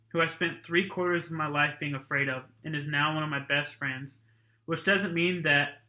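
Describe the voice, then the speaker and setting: A teacher reads a chapter book aloud to his class in a plain, unhurried way. His voice sits a little high and sounds very bright, almost sharp. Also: roomy sound, poor audio. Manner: plain, steady reading with a casual tone. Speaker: teacher reading a novel aloud to students. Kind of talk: reading a novel aloud.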